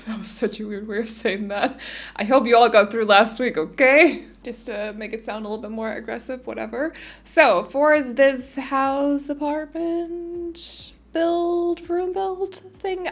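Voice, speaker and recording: A woman, a bit stuffy after losing her voice, chatting casually and rambling through a voice-over for a game build. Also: mid-range voice. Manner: chatty, rambling, many fillers. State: stuffy, recovering from lost voice. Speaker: Sims speed build YouTuber.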